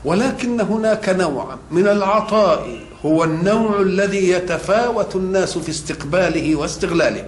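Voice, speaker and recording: Male preacher, measured explanatory sermon, slightly higher voice, roomy echoey recording. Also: animated. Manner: measured, explanatory, rising emphasis on key points. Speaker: religious scholar. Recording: echoey room with faint noise.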